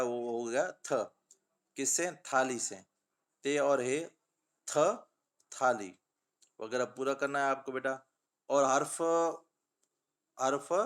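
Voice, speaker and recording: A man's voice: mid-range voice, a bit bright, smooth. Male teacher tinged speech, patient, sing-song, calls pupils "beta". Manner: addresses pupils as beta, asks and answers own questions. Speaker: Urdu teacher. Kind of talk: children's reading lesson.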